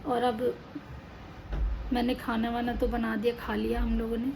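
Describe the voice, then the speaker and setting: A woman's voice: on the high side, monotone, normal speed, vocal fry. A tired young woman chatting in a casual home vlog, talking indoors with children playing and crying nearby. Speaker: vlogger. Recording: noisy home recording.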